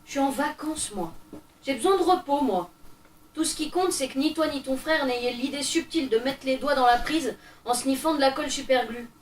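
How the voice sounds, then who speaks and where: A woman playing a sarcastic thirteen-year-old girl who is fed up with babysitting, impatient and cutting. Her voice sits high, heard from a distance in a roomy space with faint noise. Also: moderate pace, lightly acted. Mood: irritated. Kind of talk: stage play reading.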